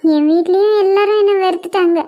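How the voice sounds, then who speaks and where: In this cartoon web series voice acting, a woman with a Kanyakumari Tamil accent plays a heartbroken young mother whom her daughter has rejected, weeping, pleading, and in despair. She talks fast in a very high, steady voice, and the audio is dull with soft music in the background.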